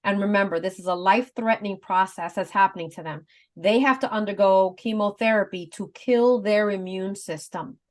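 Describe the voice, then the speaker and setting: A woman's voice: mid-range voice, moderate pace, darkish tone. A woman in her fifties on a talk show, earnestly explaining step by step and laughing easily. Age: 50s. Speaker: guest advocate. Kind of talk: casual explanatory chat.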